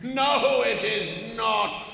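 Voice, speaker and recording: An actor playing a jovial, mocking, commanding Christmas spirit in a radio drama, grand and declamatory, with long reverb on the voice. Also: male voice, very high-pitched, extremely slow, creaky, full character voice. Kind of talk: musical radio drama acting. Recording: long reverb, faint noise.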